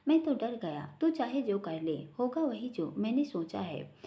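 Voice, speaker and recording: A cheeky, bantering young man from a family storybook, as a woman narrator reads him. His lines swing lively up and down, in a soft, mellow tone. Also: extremely high pitch, a little slow, full character voice. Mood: teasing. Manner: bantering, teasing. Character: playful joking young man, teasing and cheeky.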